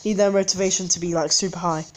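A woman's voice: lowish voice, fairly even intonation, fast talker. Rambling woman talking over gameplay. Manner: rambling, frequent self-corrections and hesitations. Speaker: game channel host. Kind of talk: casual gameplay commentary. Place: indoors at home, street outside.

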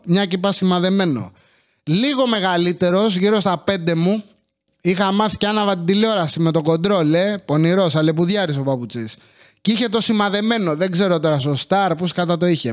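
A man from Athens delivers a comic monologue about his childhood. His voice sits high for a man. He swears freely and keeps the telling lively and animated. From Athens, Greece. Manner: crude, profane, animated storytelling. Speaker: comedian.

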